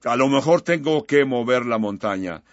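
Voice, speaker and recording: A man's voice: medium pitch, lively intonation, moderate pace, no room sound, highs cut off, close to an everyday voice. A man voicing a thirsty, stubborn young girl from a storybook as he retells the story in a sermon. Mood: wary.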